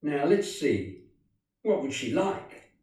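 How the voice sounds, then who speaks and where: A polite, eager young girl, voiced lightly by a male storyteller, a little higher than his own voice. The sound is distant and very echoey, with a mellow tone. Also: big pitch swings, slow pace. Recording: very echoey room, distant mic.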